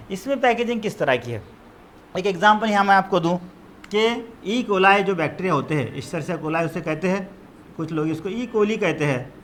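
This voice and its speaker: Male teacher, Urdu accent, fairly high voice, patient explainer, faint room noise. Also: fairly bright tone. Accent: Urdu-speaking, Maharashtra. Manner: explanatory, repeats terms in Urdu and English. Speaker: biology teacher. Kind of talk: classroom lecture.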